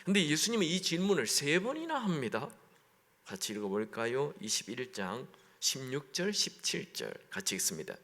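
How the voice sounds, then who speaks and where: A man's voice: a little high, big pitch swings, moderate pace, a bit bright. A man, a pastor, preaching a sermon in a church sanctuary, talking in a conversational way and asking the congregation questions. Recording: long echo of a large hall.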